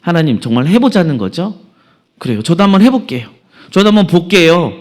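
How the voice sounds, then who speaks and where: A man's voice: a little high, big pitch swings, a little fast, voice pushed up. A man playing a furious, whining prophet. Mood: indignant. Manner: whining, exasperated complaints. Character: indignant male prophet, sulking and furious.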